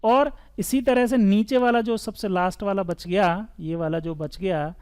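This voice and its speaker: A man's voice: sits high, fairly even intonation, a little slow, a little mellow, smooth. A man teaching chemistry at a board in a casual, chatty way, asking the class questions and answering them himself. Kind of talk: board lesson.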